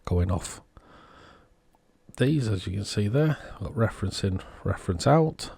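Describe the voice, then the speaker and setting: A man giving casual, unhurried technical commentary, thinking aloud as he inspects a circuit board. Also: on the low side, animated, vocal fry, darkish tone, husky, no room sound. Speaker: electronics repair vlogger.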